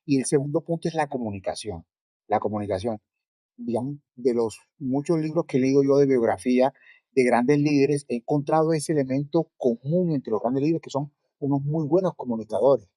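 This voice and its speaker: A man's voice: mid-range voice, fairly quick, warm tone, no room sound. A man interviewing casually, hesitating and thinking aloud as he steers the conversation.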